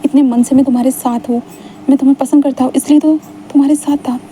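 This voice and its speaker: A woman voicing a calm, tender young man who speaks gently and steadily to the one he loves in a read-aloud story. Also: high voice, quick pace, a little hiss or hum, close to an everyday voice.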